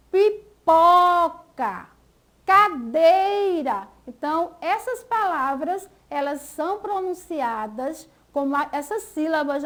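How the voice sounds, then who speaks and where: A Brazilian woman teaching a school lesson, patiently stretching out example words syllable by syllable. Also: very high-pitched. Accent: Brazilian Portuguese.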